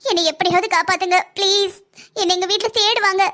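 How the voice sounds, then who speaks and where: A woman's voice: extremely high pitch, fairly even intonation, fairly quick, pushed and bright. A woman voicing a frightened young married daughter in a cartoon story, pleading tearfully for help. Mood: desperate.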